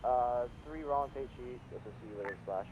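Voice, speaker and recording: A man's voice: medium pitch, normal speed. Man calling in over a walkie-talkie. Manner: polite and hesitant, with frequent "uh". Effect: over a walkie-talkie radio. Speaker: ground team leader in a military game. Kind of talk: military radio procedure. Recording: muffled voice chat with loud noise.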